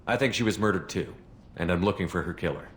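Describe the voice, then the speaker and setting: An actor playing a determined, reassuring investigator in a game, clipped and matter-of-fact. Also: male voice, low-pitched, fast talker, lightly acted. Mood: calm, determined. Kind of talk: game voice acting, dialogue.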